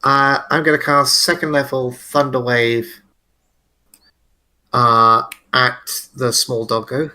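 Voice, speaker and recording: A man's voice: medium pitch, little pitch movement, slow, bright, forceful tone. A man playing a tabletop game, hesitant with many fillers and playful swearing. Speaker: player. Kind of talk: casual tabletop game play.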